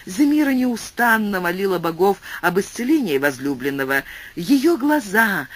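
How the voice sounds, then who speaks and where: A male audiobook reader narrates a classic tale with expressive, swooping delivery at a moderate pace. His voice is high for a man, his pitch rising and falling in wide, animated arcs as he varies his speed freely.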